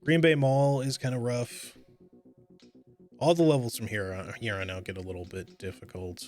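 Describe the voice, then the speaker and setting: A man giving casual, rambling, hedging commentary as he streams a video game. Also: fairly low pitch.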